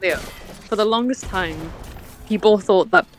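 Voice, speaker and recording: A man's voice: high-pitched, unhurried, over a noisy crowd. A man in a casual debate among friends, making his case.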